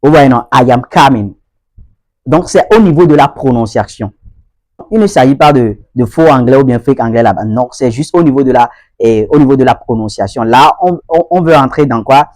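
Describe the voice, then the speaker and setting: A man of middle pitch gives a relaxed lesson to his viewers, circling back to the same points and asking whether they understand. His voice is recorded close and dry, with no room sound around it. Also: a little fast, no echo. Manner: repetitive, addresses viewers directly with frequent checks for understanding. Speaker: host of an English-learning channel. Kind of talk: casual explanatory video lesson.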